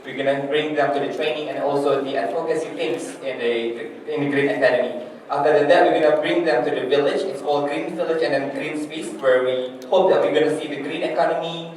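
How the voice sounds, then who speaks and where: A young man giving an earnest elevator pitch for a project, repeating phrases as he goes. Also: fairly even intonation, brisk, a little mellow. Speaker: workshop participant pitching a project. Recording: echoey room, distant mic.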